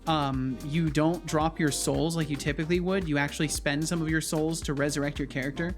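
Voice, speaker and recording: Higher-pitched man streaming casually over music. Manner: thinks aloud, hums to himself. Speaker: game developer livestream host. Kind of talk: casual livestream chat while coding. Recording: music behind the voice.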